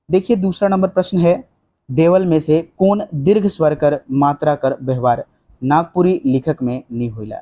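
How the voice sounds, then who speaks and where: A young male coaching teacher runs an online exam-prep class, reading out quiz questions and asking his students for the answers. His voice sits slightly high but sounds soft and mellow. He talks casually, keeps saying "ठीक है" and drops in English phrases. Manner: conversational, fills with "ठीक है", quizzes students rhetorically, mixes in English.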